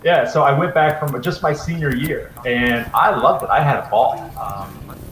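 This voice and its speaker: A man's voice: medium pitch, normal speed, a bit bright, echoey room, slight background noise, rough recording. A man in his forties from North Carolina, a guest telling stories in a casual interview, easygoing with lots of fillers. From Raleigh, North Carolina. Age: 40s. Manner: easygoing storyteller, frequent fillers. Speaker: interview guest, video creator.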